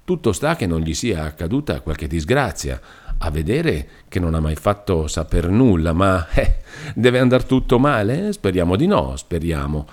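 A man's voice: sits low, big pitch swings, moderate pace, a little mellow. A man doing a chatty older village mother. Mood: eager.

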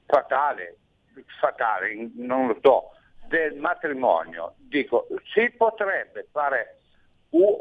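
A man calling in to a radio show, speaking over a phone line in a rambling, hesitant way with many restarts. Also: medium pitch. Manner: rambling, hesitant, self-correcting. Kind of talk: call-in comment on a radio show.

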